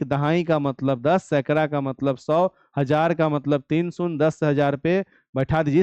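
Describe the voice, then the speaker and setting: A math teacher takes an online class through each step, putting a question to the students and then answering it himself. His voice sits a little high, smooth and clear, recorded close and dry with slightly muffled sound. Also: darkish tone, no echo. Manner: explains step by step with rhetorical questions.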